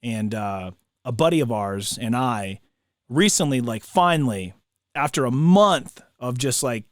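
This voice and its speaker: A man co-hosting a casual podcast, telling stories in a slangy, excitable way with repeated words. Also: medium pitch, a little slow, dry recording, clean studio sound. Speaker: podcast co-host; broadcaster. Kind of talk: casual chat.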